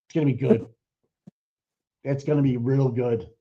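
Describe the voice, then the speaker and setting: A man co-hosting a casual chat, excitable and profane, rambling with restarts. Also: medium pitch, moderate pace. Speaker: co-host. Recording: muffled lo-fi stream audio.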